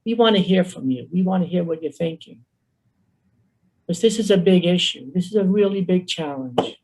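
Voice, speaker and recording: A man with a Bronx accent giving an earnest, fast-paced webinar talk as a social worker over a video call. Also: high voice, lively intonation, a little mellow, low-quality recording. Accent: New York Bronx.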